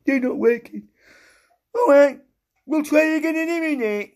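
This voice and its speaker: A man voicing a silly, excitable talking potato, shouting and stumbling over his words. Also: very high voice, unhurried. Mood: excited. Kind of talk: comic vlog sketch.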